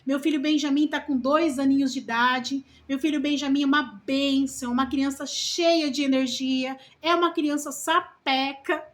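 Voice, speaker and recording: A woman's voice: high-pitched, steady tone, normal speed, hardly any pauses. A woman with a Brazilian Portuguese accent, a first-time mother, talking earnestly and unhurriedly to her viewers about parenting, with many diminutives and rhetorical questions. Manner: calls herself loud-spoken. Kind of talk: casual talk to camera.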